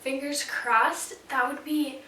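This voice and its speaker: A sewing vlogger in her twenties, still slightly hoarse from being sick, casually walks through sewing steps at night in her home sewing room, saying um a lot. Her voice sits high and sounds pushed and bright, with a steady tone and slow pace. The distant camera mic captures an echoey room.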